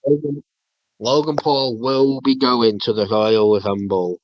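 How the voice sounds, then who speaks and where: Male podcast host, mid-pitched, casual recap narrator, dull lo-fi recording. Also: fairly even intonation, slow pace, dry recording. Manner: plays by play, laughing along with friends. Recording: dull, lo-fi, dry sound.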